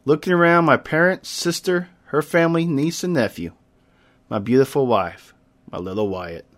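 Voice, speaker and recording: A man in his thirties reading his own poem, with dramatic swings between loud outbursts and quiet asides. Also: a little high, moderate pace. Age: 30s. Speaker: poet.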